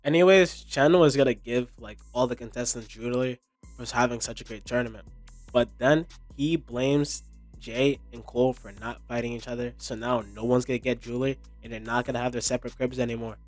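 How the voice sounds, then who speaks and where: A man's voice: mid-range voice, steady tone, a little fast, faint music behind. A young man giving casual recap commentary in a sarcastic, slangy, informal way. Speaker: video commentator.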